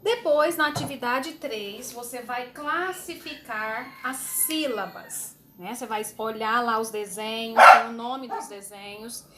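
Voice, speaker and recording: A woman teacher explaining a homework sheet to young children, slowly and patiently, with fond little words. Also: fairly high pitch, fairly bright tone, slight background noise. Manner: slow, patient, uses diminutives. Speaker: schoolteacher.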